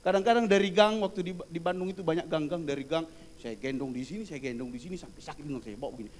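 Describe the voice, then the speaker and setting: A man's voice: fairly high pitch, fast, a little hiss or hum. A middle-aged man from Indonesia giving a humorous sermon as preacher, acting out quoted voices in his stories and laughing often. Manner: frequent laughter.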